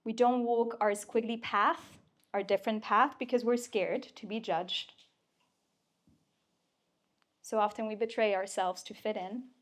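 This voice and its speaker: A woman's voice: on the high side, steady tone, a little slow, pauses often. Playful, emphatic woman giving an inspirational talk. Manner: playful, emphatic, casual swearing. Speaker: speaker at a mentoring community event. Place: event room before a live audience.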